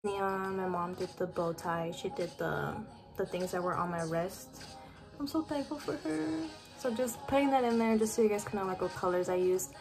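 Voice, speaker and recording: A woman's voice: mid-range voice, normal speed. Teen vlogger girl, bedroom webcam chat, rambly and full of "like", faint music behind. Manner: chatty, lots of "like" fillers. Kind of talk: casual chat to camera. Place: bedroom at home.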